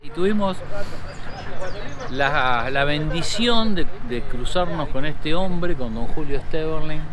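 An older man recounting local history in an outdoor interview, halting and often repeating words as he searches for them. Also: a little high, animated, a crowd in the background. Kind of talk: conversational interview.

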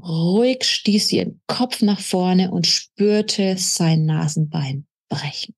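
A woman author reading aloud from her own novel in a steady, measured narrating manner. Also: on the low side, husky.

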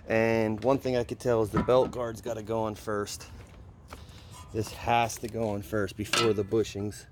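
On a concrete patio outside, a pressure washing enthusiast casually narrates a hands-on build step by step in everyday language. He speaks unhurriedly at a fairly low pitch with a level tone. The audio comes from a handheld phone behind the camera, and the background is noisy.

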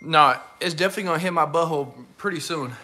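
Young guy streaming, high bright voice, hyped and joking around. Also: fast talker. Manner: excited, joking, gasping from spicy food. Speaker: streamer host. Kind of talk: casual livestream chat.

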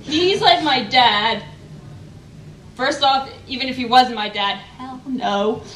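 A woman playing a brash, boastful young American man on a convention panel, joking loudly. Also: high-pitched, takes it slowly. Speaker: panel moderator and cosplayer. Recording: echoey room from far off, noise.

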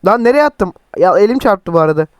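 A young man with a sore, cracking throat, chattily commenting on his own football game and yelling at his players. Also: high voice, expressive, quick pace, clear, resonant tone, no room sound. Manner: chatty, teasing, shouts at players. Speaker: mobile football gameplay streamer. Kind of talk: excited gameplay commentary.

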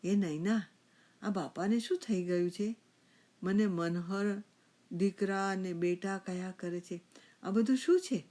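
Woman narrator playing a worried adult son: loud, exasperated calling. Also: fairly low pitch, a little slow. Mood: agitated. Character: grown son, agitated and fretful.

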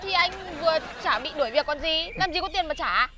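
A woman's voice: high-pitched, expressive, crowd noise, background noise. A woman playing a skeptical young girlfriend. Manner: skeptical, quick to apologize.

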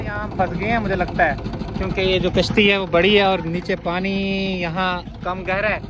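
A man's voice: high-pitched, noisy background. A young man from Pakistan with a Punjabi accent, chatting casually as he shows viewers around from a boat on a river. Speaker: vlogger. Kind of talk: casual travel vlog. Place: outdoors on a wooden boat on a wide river. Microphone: phone held at arm's length. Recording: loud boat engine behind.

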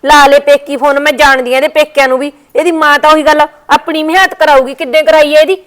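A woman's voice: sits high, fairly even intonation, fast, fairly bright tone. A woman acting as a married daughter in a scripted village sketch, sulky and complaining, threatening to leave.

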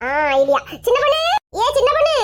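A woman's voice: very high-pitched, sing-song, brisk, heavy background noise. A woman with a Kanyakumari Tamil accent voicing a scheming, bossy elderly mother-in-law in a comic family sketch. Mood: coaxing. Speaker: comedy sketch creator.

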